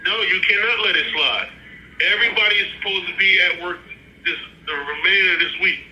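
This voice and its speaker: A man's voice: high voice, a little fast. A man answering a store phone, heard through a speakerphone, talking in a casual, blunt, firm way and repeating himself. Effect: telephone. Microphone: heard through a phone's loudspeaker. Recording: echoey, noisy speakerphone call.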